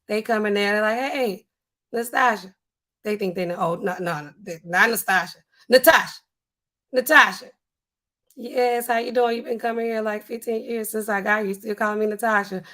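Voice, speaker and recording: A hoarse woman who works as a pharmacist chats casually on a livestream, reading comments from her home studio with a neon sign. Her voice is husky and weak; she's animated but drops low and slow when she wants to sound stern.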